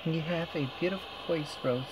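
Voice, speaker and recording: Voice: mid-range voice, a little fast, background noise. A person casually hosting a home paranormal session, speaking in short, simple questions and compliments, recorded on a handheld phone in a small room. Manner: addresses listener in short, simple questions and praise. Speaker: paranormal investigator host. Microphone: handheld phone behind the camera.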